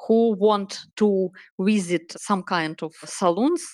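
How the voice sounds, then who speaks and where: A Ukrainian woman in her thirties, a salon owner and project manager, answering interview questions in careful, halting English with many pauses. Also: medium pitch, darkish tone, no echo. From Ukraine, Donetsk region. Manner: earnest, halting non-native phrasing with many pauses.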